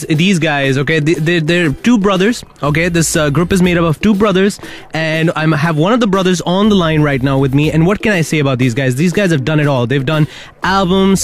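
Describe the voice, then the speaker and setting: A man hosts a radio request show with a fairly high voice. He talks with emphatic, repetitive enthusiasm, hyping up his guest, with music playing underneath. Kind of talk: upbeat radio presenting and phone interview. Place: radio studio.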